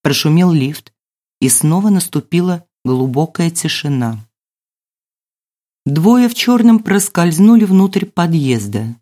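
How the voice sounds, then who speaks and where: Woman, audiobook narrator, low voice, measured, scripted narration. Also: animated, warm tone.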